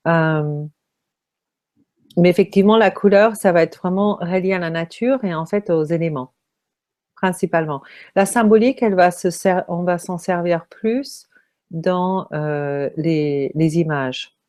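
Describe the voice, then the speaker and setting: A woman who is losing her voice speaks as a feng shui consultant answering interview questions, halting often with fillers. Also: on the low side, darkish tone. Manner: halting, many pauses and fillers.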